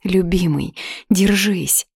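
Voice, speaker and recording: A frightened young heroine of a spoken novel, as the woman reading it puts her on, pleading and tearful. The voice sits low for a woman and is recorded close and dry, with no room around it. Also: slow, creaky, darkish tone, husky, dry recording, heavily acted. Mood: desperate.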